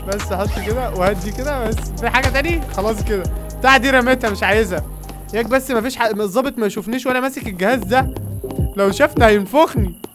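A young man with an Egyptian Arabic accent giving excited running commentary on a game and talking to his viewers. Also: very high-pitched, racing. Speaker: gaming YouTuber. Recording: game music playing behind.

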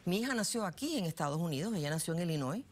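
A woman's voice: on the low side, lively intonation, racing. A Cuban-born woman in her sixties telling her life story as a guest in a TV studio interview, chatty and full of fillers and restarts, on a lapel mic. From Cuba. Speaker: guest, political analyst.

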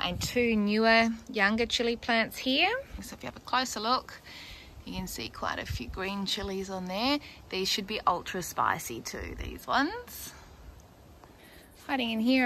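A gardening vlogger in her thirties with an Australian accent chats casually, with fillers and small laughs, as she tours her backyard vegetable garden filming on a handheld phone. Her medium-pitched voice is a bit bright, and there's a little hiss or hum.

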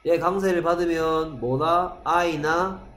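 Korean man teaching English, slightly high, echoey room. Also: steady tone, slow, fairly bright tone, soft background music. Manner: checks in with repeated questions, drills pronunciation. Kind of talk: classroom lecture. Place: classroom. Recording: echoey classroom.

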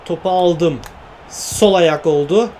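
A man narrating his football video game play in excited, repetitive exclamations. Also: fairly high pitch, slow, a little hiss or hum. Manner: exclaiming and repeating phrases. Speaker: gaming YouTuber.

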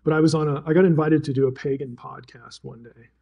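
A man's voice: a little high, fairly even intonation, fast talker, gravelly, breathy edge, dull audio. A man teaching the Bible at a fellowship gathering, telling stories animatedly with frequent restarts and chuckles. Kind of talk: live talk to a gathering.

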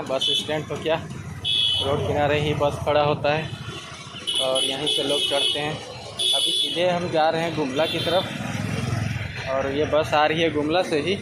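A young travel vlogger with a slightly high voice films himself on a handheld phone while walking country lanes and a busy street market, street noise audible throughout. He chats to viewers as though they're friends, in a casual tour-guide way.

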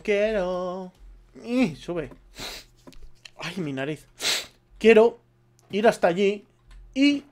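Swearing Spaniard gamer muttering while playing. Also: male voice, high-pitched, darkish tone. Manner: swears a lot, mutters to himself. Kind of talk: let's play commentary.

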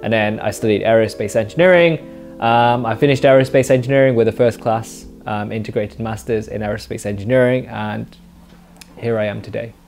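A young Englishman in his twenties sits on a living-room sofa facing the camera, rambling through viewer questions with plenty of fillers and dry jokes. His lowish, gravelly voice is a little fast and darkish, picked up by an off-camera mic with faint music behind.

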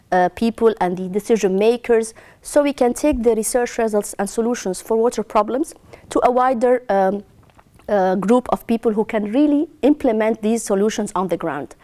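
A woman from Egypt in her forties, answering interview questions in a measured way with many pauses. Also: a little high, dark tone. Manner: measured, with frequent hesitations. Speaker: interviewee, network manager. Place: indoor room.

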